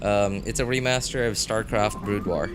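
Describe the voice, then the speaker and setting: Over heavy background noise and the game's music and sounds, a lowish-voiced man chats at a moderate pace while streaming his gameplay. His livestream talk is casual and rambling, and he frequently searches for the right word.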